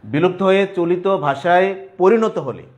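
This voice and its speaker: A male teacher giving an online grammar lesson at a board, dictating slowly and repeating terms piece by piece. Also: high voice, very animated. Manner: slow, repetitive dictation, spelling out terms piece by piece.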